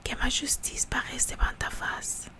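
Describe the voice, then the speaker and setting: A woman reading scripture aloud for ASMR in a hushed library whisper, halting now and then to repeat words. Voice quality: hushed library-style whisper, mostly unvoiced.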